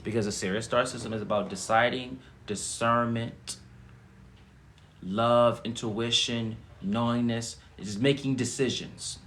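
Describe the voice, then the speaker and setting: A man's voice: mid-range voice, fairly even intonation, measured pace, a bit bright. A man giving a live-streamed spiritual teaching, repeating himself and rising into emphatic bursts.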